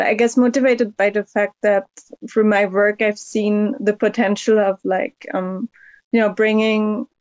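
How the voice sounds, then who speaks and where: Female panel guest from Hungary, measured and hedging, dry sound. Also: mid-range voice, darkish tone, no room sound, muffled recording. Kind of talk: panel discussion answer.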